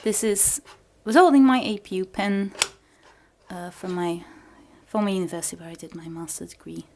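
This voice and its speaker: A young Belgian woman whose first language is Dutch gives a casual room-by-room tour of her small apartment, filming on a handheld camera as she walks. Her medium-pitched voice is a little mellow at a normal speed, and she giggles and sometimes drops to a whisper. There is slight background noise.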